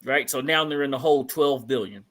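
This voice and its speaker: A man with a Washington, D.C. accent chatting in slangy, animated podcast banter, often repeating himself for emphasis. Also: medium pitch, a little fast. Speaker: podcast host. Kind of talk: casual sports podcast banter.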